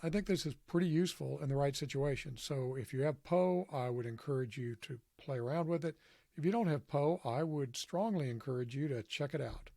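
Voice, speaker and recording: A man hosting a casual tutorial, walking through software on screen while thinking aloud in a self-deprecating, offhand way. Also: a little high, brisk, creaky, no room sound, studio quality. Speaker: podcast host demonstrating software. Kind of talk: screen-recorded tutorial walkthrough.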